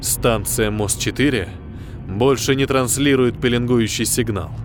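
A man's voice: mid-range voice, a little slow, lightly acted. Commanding spaceship pilot , acted by a male reader, tense and firm, audiobook sci-fi, faint music underneath. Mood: grim. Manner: urgent, firm orders. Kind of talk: science fiction audiobook.

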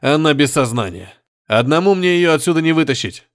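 A man voicing a tough male convoy driver who barks orders loudly and urgently. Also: on the high side, lively intonation, a little fast, no room sound, clean studio sound. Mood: urgent shouting. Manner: barking, loud, commanding.

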